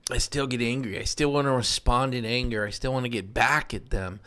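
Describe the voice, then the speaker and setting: A man's voice: mid-range voice, fairly even intonation, a little fast, sharp tone. A man, giving a casual, earnest motivational talk. He reflects on his own failings in a self-deprecating way. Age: 50s. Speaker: self-improvement podcast host.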